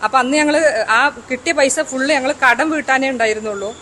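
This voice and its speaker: A woman's voice: high voice, fast, sharp tone, slight background noise, poor audio. Woman, community hotel worker, earnest plain answers. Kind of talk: interview answer.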